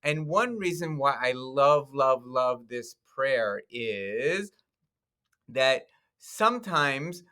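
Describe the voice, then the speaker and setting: Bright, animated man teaching kids. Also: mid-range voice, very slow. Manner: animated, sing-song, talks to kids. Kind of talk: storytelling and singing lesson for children.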